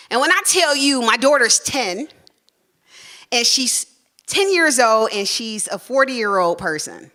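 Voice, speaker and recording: A woman, telling a personal story live on stage and acting out the voices she quotes. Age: 40s. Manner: animated, acts out quoted voices with big pitch jumps.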